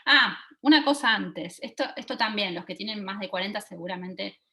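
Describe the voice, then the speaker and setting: A woman, giving an online teaching talk over a video call and often pausing to check that listeners are following. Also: mid-range voice, animated, sharp tone. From Argentina. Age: 40s. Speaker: lecturer.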